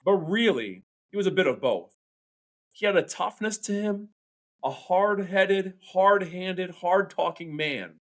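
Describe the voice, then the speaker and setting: A male English teacher reading a novel chapter aloud to his class in an animated storytelling manner, acting out the dialogue. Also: high-pitched, measured pace.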